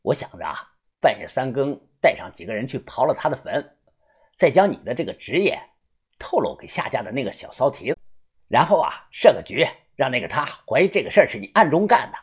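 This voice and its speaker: Audiobook role: man playing a folksy gang boss, husky, low-key and chummy. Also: big pitch swings. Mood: confiding. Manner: folksy, drawn-out fillers like "ah" and "hey". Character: smooth-talking gang boss, middle-aged man, chummy. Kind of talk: audiobook character voice.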